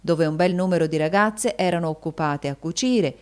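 Woman narrator, audiobook reading, fairly low voice, measured.

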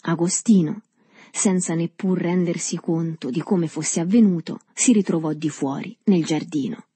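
A woman narrating a novel in a calm, measured audiobook reading. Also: lowish voice, slightly rough, dry recording.

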